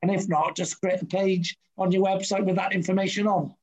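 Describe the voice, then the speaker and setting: A man's voice: sits high, little pitch movement, fairly quick, a little mellow, poor audio. A man hosting a casual interview, chatty and rambling with lots of fillers. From Wales. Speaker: podcast host.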